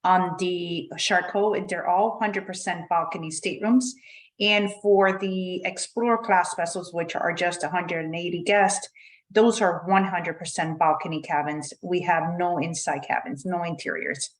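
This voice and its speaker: A woman's voice: lowish voice, steady tone, unhurried. A woman giving an informal sales presentation and answering questions as a company representative. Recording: echoey, roomy sound.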